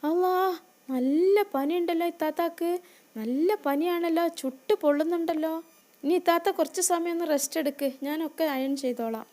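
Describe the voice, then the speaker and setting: A protective younger brother, quick to anger but caring, speaks earnestly, played by a woman storyteller. The voice stays fairly high and mellow. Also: lightly acted. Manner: earnest, pleading and firm.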